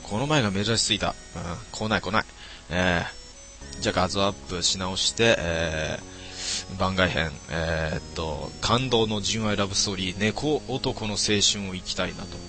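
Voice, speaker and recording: A man casually streaming a game solo, reading viewer comments with wry, deadpan remarks and many drawn-out filler sounds. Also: low-pitched, soft background music.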